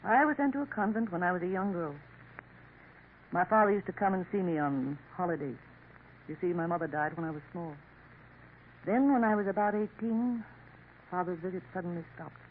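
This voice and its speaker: On a tinny 1950s radio broadcast with faint hiss, an actress plays a sly, scheming café woman of Paris, coaxing knowingly with French endearments. Her voice is on the low side and close to everyday, a little fast, with frequent pauses.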